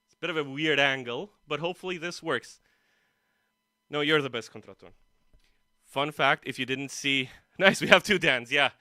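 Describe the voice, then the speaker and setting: A slightly high, pushed and bright male voice at normal speed, studio quality with no echo. He's casually hosting a guitar livestream, rambling to viewers and himself and making fun of himself, through a poorly positioned streaming mic over background music.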